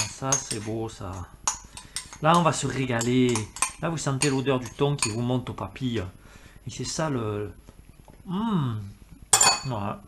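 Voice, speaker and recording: A man's voice: mid-range voice, background noise. A man talking casually through a home cooking demonstration, chatty with jokey asides while he works. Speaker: cooking video host.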